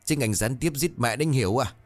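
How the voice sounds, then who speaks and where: A man's voice: mid-range voice, fast talker, faint music behind, voice pushed up, close to an everyday voice. A man playing an indignant younger son. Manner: blunt, accusing.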